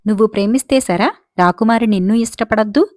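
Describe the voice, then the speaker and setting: A woman's voice: medium pitch, normal speed, a little mellow, no echo, natural voice. A woman reads the part of a fretful old servant father, chiding his son in an exasperated voice. The sound is dry and close, with no room around it. It is a storybook telling. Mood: scolding. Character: worried older male royal servant, scolding father.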